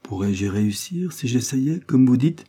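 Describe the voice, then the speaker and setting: A man reading an audiobook, voicing a good-humoured, mocking man who speaks calmly and teasingly. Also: mid-range voice, moderate pace, slightly rough, voice pushed up. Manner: calm, laughing, teasing.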